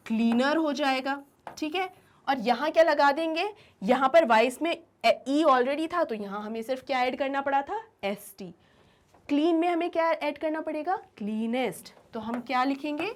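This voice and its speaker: Lady teacher, high voice, keeps asking the class questions then answers them herself. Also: moderate pace. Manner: asks questions and answers them herself, addresses students as beta. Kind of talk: grammar lesson explaining to students.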